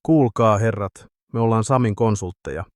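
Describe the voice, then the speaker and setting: A man's voice: fairly low pitch, darkish tone, dry recording, studio quality, lightly acted. A man voicing a swaggering, boozy middle-aged drunk in an audiobook. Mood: cocky. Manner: cocky, swaggering.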